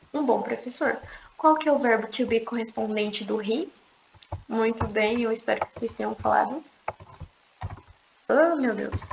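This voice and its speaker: A young woman teaching an online language lesson, explaining patiently and repeating slow, drawn-out pronunciation examples. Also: on the high side, gravelly, a little hiss or hum. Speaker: English teacher. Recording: echoey room, dull lo-fi sound.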